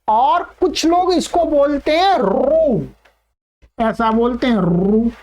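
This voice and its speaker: Slow, lively-pitched woman teacher. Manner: drawn-out vowel chanting, then explaining and correcting. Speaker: Sanskrit teacher. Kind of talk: pronunciation lesson.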